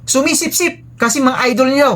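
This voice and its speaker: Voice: high-pitched, moderate pace. A vlogger from the Philippines giving a mocking reaction commentary, sarcastic and taunting, laughing often.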